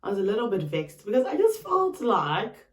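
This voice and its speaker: A young South African woman vlogger telling a personal story in a dramatic, expressive way, with sharp retorts. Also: mid-range voice, moderate pace. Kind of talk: storytime chat. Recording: roomy, a bit distant from the mic.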